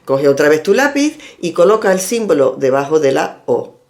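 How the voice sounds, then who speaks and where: Woman language teacher, animated pitch, methodical instructive delivery. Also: normal speed. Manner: clear, step-by-step instructive delivery. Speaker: English teacher and linguist. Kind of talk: explanatory language lesson.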